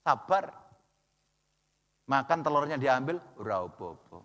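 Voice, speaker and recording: Middle-aged Javanese-accented pastor, bright forceful voice, lively jokey sermon that swings from loud to hushed, long church-hall echo. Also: male voice, mid-range voice, normal speed, slight background noise. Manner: animated and joking, swinging between loud calls and quiet asides.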